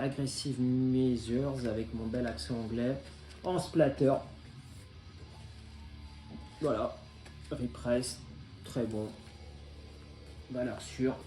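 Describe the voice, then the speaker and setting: A man's voice: medium pitch, mellow. A man in his forties casually presenting his vinyl records, hesitant and full of filler sounds but enthusiastic. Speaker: record collector. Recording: roomy echo.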